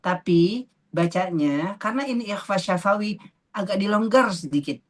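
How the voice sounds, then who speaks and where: A woman teaching a tajwid class, patiently asking students questions and repeating terms slowly. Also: medium pitch, animated. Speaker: Quran recitation teacher.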